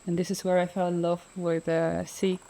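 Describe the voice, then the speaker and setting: Here the Ukrainian freediver, a woman likely in her thirties, talks at a moderate pace in a fairly low, warm voice that barely moves in pitch. It's a relaxed interview where she's a guest, full of fillers, hesitation, and frequent laughter.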